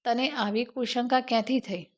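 A woman's voice: a little high, fairly even intonation, moderate pace, natural voice. A woman voicing a suspicious, anxious young wife in a spoken story. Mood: remorseful.

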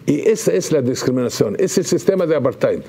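A man's voice: medium pitch, animated, vocal fry, dark tone, husky. Impassioned man. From Palestine. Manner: impassioned, gesturing, halting restarts. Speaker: ambassador as studio guest. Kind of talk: TV studio interview. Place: TV news studio.

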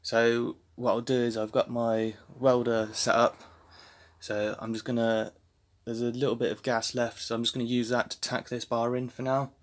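A man's voice: mid-range voice, moderate pace. A young man in his twenties casually talking through car repair work in a home garage, rambling with lots of fillers, filmed on a handheld phone. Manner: relaxed, rambling, many fillers and restarts. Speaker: car restoration vlogger. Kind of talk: casual workshop narration. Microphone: handheld phone camera.

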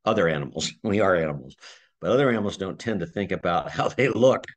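A man's voice: deep voice, animated, fast. A man giving a conversational slide lecture, thinking aloud with restarts and small laughs. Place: community talk room.

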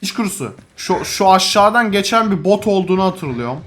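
Excitable high-voiced young man gaming. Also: fairly quick. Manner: excitable, exclaiming, heavily foul-mouthed. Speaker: gamer recording a co-op video. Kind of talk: casual gaming commentary with a friend.

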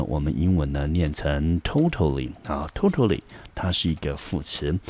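Male English teacher, very low pitch, Taiwanese Mandarin accent, patient explainer reading lines out slowly. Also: a little mellow. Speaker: high school English teacher. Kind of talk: classroom lecture explaining a textbook.

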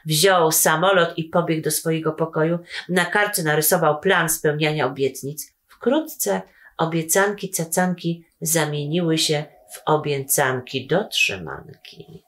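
A woman author reading her children's story aloud with slow, expressive storytelling. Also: low voice.

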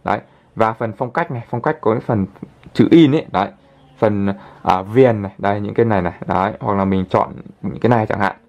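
A man hosting a casual app tutorial, chatting his way through each step and filling pauses with little pointer words. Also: on the low side, gravelly, a little mellow, highs cut off. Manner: chatty, fills pauses with constant "đấy" and "đây". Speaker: channel host, tutorial presenter.

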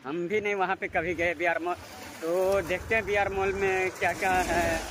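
Walking with his phone held at arm's length, this young vlogger, a native Maithili speaker, chats casually and repetitively to camera outdoors along roads and inside a big, busy mall. His voice sits high, level in tone and moderate in pace. Loud urban ambience, vehicles and general background noise fill the handheld recording.

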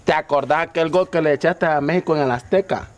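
An actor playing an excitable football fan in a comedy sketch, speaking with a Honduran accent and bursting into commentator-style goal calls. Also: male voice, on the high side, brisk, slight background noise, natural voice. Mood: coaxing. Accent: Honduran Spanish.

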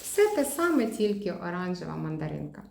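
A woman speech therapist giving a chatty demonstration lesson, showing toys as she explains and modeling syllables with slow, stretched repetition. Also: lowish voice, very animated, creaky, heavy background noise. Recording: echoey room.

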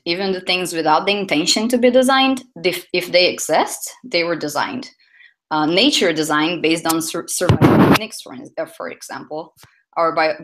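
A woman gives a live conference talk, speaking in a fairly low register. She talks in a chatty, loose way, filling gaps with um and uh and often backing up to fix a word. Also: fairly bright tone. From Brazil. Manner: chatty, self-correcting, lots of fillers.

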